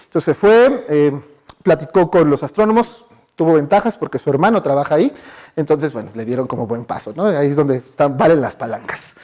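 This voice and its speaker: A man with a Mexican Spanish accent gives a relaxed public science talk in a university lecture hall. His voice sits a little high, and he talks in a chatty way, tossing questions to the audience and filling pauses with "eh" and "ajá". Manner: chatty, asks the audience questions, many fillers. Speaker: guest speaker.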